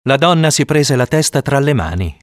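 A man narrating an audiobook in an expressive storytelling manner. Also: mid-range voice, moderate pace, no echo, studio quality.

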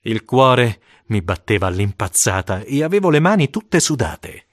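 A man's voice: medium pitch, moderate pace, no room sound. Guy reading a storybook aloud, voice jumps all over, dry close sound. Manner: expressive, dramatic storytelling. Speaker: audiobook narrator. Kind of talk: first-person storybook narration.

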